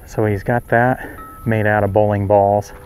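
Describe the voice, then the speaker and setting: With a lowish, mellow voice, little pitch movement, and an unhurried pace, a man with an Oklahoma accent narrates a walking tour of a rural yard. This easygoing, chatty vlogger is touring a roadside attraction outdoors on a handheld camera, and the audio has a little hiss or hum.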